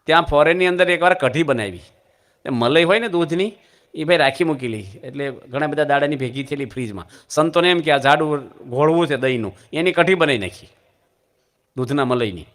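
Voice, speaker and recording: A man delivers a Gujarati religious discourse in a Gujarati accent. His voice sits a little high, and he moves between stories and joking remarks to the listeners. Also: expressive, fairly quick, fairly bright tone. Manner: storytelling, humorous asides to the audience. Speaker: monk preacher.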